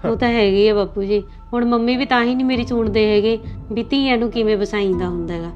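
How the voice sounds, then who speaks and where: An actress playing a meek, put-upon young daughter-in-law who speaks softly and resignedly, with faint music behind. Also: female voice, a little high, steady tone, fast, highs cut off, natural voice. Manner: soft, resigned. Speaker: actor. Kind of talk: amateur short-film acting.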